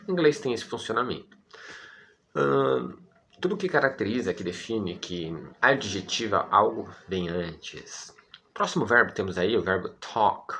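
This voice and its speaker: A man's voice: fairly low pitch, vocal fry, sharp tone, a little hiss or hum. A Brazilian man teaching English vocabulary in Portuguese, patiently repeating words and often checking in with his students.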